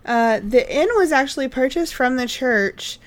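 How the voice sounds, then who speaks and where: A woman with a fairly high voice tells a story on a casual podcast. She reads from her notes in a chatty way, and her sentences are broken up by fillers like "uh" and "um". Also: animated, normal speed. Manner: reads notes with frequent "uh" and "um", easily sidetracked into laughter. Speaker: podcast co-host.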